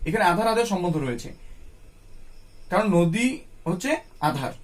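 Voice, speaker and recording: A man who teaches Sanskrit leads a grammar lesson in a high-sitting voice with a Bengali accent. He patiently repeats every point, asking questions and then answering them on his own.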